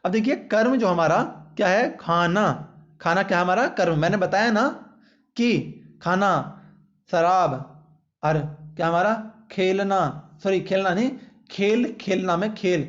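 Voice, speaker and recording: A man's voice: high voice, a little slow. A man teaching exam-prep grammar, constantly repeating "ठीक है" and quizzing the listener with rhetorical questions, with playful jokey examples. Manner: jokey, uses playful baby-talk examples. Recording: dull lo-fi audio.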